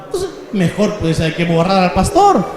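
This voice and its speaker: A male pastor preaching a sermon with emphatic delivery, often rising to a shout. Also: high voice, sing-song, moderate pace, noisy background. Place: church hall. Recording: echoey church hall.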